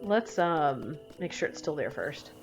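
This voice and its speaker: A woman's voice: deep voice, very animated, a little slow. A woman commentating while playing a game, mumbling and critical of herself. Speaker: gaming channel host. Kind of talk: let's play commentary. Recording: slightly muffled with game music.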